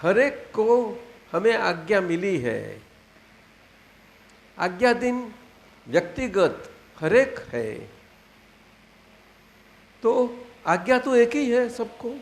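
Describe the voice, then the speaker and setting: An elderly man in his eighties with a Gujarati accent teaches his disciples at a satsang. His voice is high and gravelly, his pitch rises and falls with lively swings, and he speaks slowly, repeating himself and asking if they follow. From Gujarat, India. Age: 80s. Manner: unhurried, repeats phrases and checks understanding. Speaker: spiritual teacher. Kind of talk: spiritual discourse to disciples. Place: satsang gathering hall.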